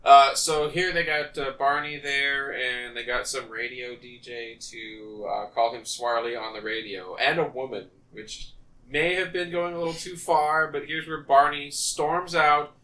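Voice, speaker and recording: A man co-hosting a podcast, chatting casually and getting animated when he acts out characters. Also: mid-range voice, unhurried, low-quality recording. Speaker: podcast co-host. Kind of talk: casual chat.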